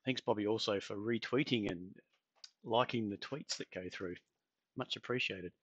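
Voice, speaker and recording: A man's voice: lowish voice, normal speed, fairly bright tone, slightly rough, no echo. Chatty Australian man, dull lo-fi audio. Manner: chatty, self-deprecating, many fillers. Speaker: trading live-stream host. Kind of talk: casual live-stream chat.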